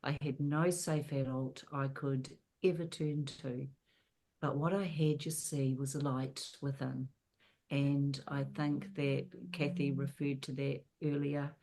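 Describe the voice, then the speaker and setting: New woman, very deep voice, flat and slow, mellow tone, video call. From New Zealand. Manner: measured, pausing often. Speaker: panel guest.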